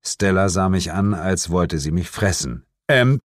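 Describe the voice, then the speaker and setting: A man's voice: sits low, measured pace, dry recording, studio quality. A man reading a first-person detective story aloud as narrator, with a wry, dryly humorous delivery.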